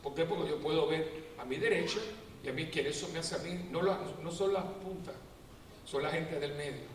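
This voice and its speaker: Priest, high-pitched and lively, preaching in a big echoey hall, mic far off. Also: male voice, fairly quick. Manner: animated storyteller, acts out quotes with humor. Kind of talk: lively preaching talk to a prayer group. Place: parish prayer assembly hall. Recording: echoey hall, distant mic, faint noise.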